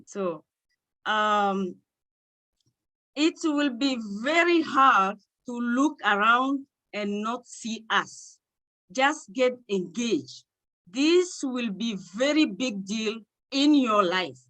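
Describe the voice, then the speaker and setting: A woman from Togo, co-hosting an online panel, speaking with excitement and many halting fillers. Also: fairly high pitch, poor audio. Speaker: co-host.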